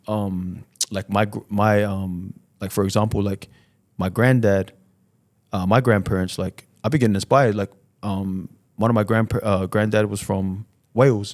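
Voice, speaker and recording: A man from Fiji, an entrepreneur guesting on a podcast, chats informally, peppering his slang with "man" and "you know". His voice is on the low side with a darkish tone, and there is no room sound.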